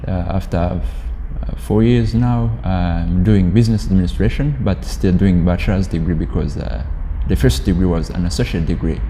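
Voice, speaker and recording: A young man from Rwanda with a low, mellow voice answers interview questions in a halting way, pausing often to search for words. The recording has a long, hall-like reverb and a faint noise underneath. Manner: halting, with frequent pauses and fillers. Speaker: university student interviewee.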